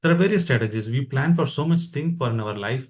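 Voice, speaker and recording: A man's voice: medium pitch, expressive, quick pace. A man with an Indian accent giving an informal, exhortative religious talk to motivate fellow devotees.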